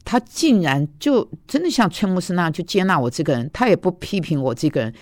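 A woman's voice: on the low side, big pitch swings, a little fast, darkish tone, dry recording. A woman in her sixties, a seminary teacher, gives an earnest, confessional devotional talk, dropping her voice to quote others. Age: 60s. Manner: earnest and emotional, drops her voice for quoted speech.

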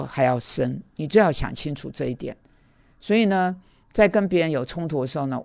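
A man's voice: on the high side, creaky, a little mellow, no echo, clean studio sound. A man preaching in an earnest, self-critical way, telling personal stories and talking straight to his listeners.

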